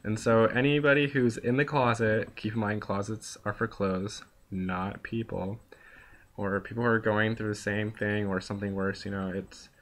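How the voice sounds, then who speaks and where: A man's voice: on the low side, flat delivery, normal speed, a bit bright. A young man talking casually and candidly to the camera in a vlog. He rambles with lots of "like" and "you know," and he is earnest and sometimes blunt and profane. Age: young adult. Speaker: vlogger. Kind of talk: casual confessional monologue.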